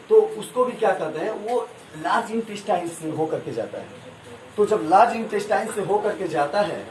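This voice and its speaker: A man's voice: high-pitched, darkish tone. A male school science teacher giving a classroom lesson, asking the class questions and having them repeat answers, with homely examples. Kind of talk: classroom lesson with call-and-response. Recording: echoey room, far from mic, noisy.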